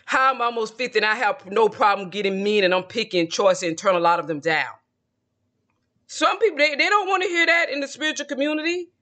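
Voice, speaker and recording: Speaking fairly quickly in an extremely high, bright, forceful voice, a man in his late forties who makes tarot videos talks casually to camera. His solo monologue is confident and rambling, circling around the same points over and over.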